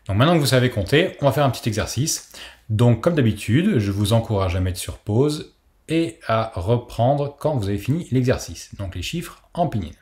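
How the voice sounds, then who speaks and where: A man's voice: medium pitch, lively intonation, moderate pace, a little mellow. A man teaching a recorded language lesson, explaining patiently and modeling pronunciations for the listener to repeat.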